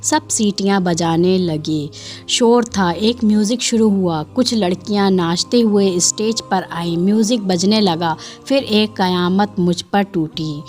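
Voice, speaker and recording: A woman narrating a scripted first-person story in a slow, measured way. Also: medium pitch, darkish tone. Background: faint background music.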